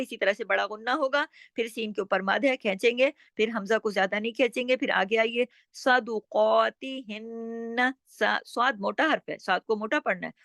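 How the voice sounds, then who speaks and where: A woman teaching Quran recitation step by step, explaining rules slowly and chanting words drawn out. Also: on the high side, a bit bright, dry recording, clean studio sound.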